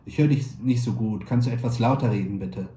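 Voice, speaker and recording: A man voicing an elderly grandmother who speaks loudly on a long-distance phone call. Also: medium pitch, brisk, lightly acted. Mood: eager. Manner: loud, repeating herself on a bad line. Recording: roomy echo.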